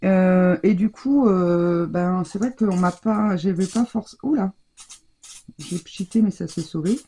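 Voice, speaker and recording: Speaking slowly in a fairly low, mellow and husky voice, a craft tutorial host addresses her viewers directly while working on a technique. She often restarts her sentences or trails off.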